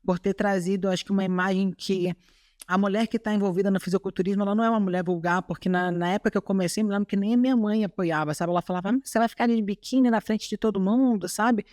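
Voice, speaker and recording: A woman's voice: mid-range voice, steady tone, fast talker, a little mellow, no room sound. Brazilian-accented woman, earnest podcast guest, keeps tagging "sabe?", dry close sound. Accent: Brazilian Portuguese. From Chile. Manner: earnest, tags remarks with "sabe?". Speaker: guest, bodybuilding athlete. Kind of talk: podcast interview, casual chat.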